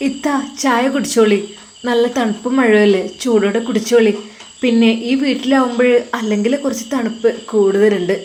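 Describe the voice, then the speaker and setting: A woman's voice: on the high side, steady tone, moderate pace, a little mellow, slight background noise, natural voice. A woman voicing a caring young sister-in-law who coaxes and chatters. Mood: coaxing.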